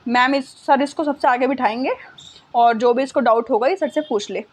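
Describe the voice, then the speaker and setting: A woman telling a story puts on a soothing schoolteacher who calmly reassures a parent. The voice drops lower and softer than the teller's usual talk. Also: moderate pace. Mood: reassuring. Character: calm soothing female schoolteacher.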